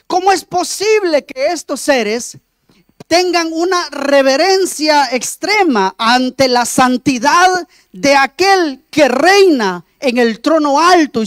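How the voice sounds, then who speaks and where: A man's voice: very high voice, a bit bright, dry recording. A man preaching a sermon, emphatic, often turning to address the congregation and repeating words for effect. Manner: rhetorical repetition of words. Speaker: lay preacher.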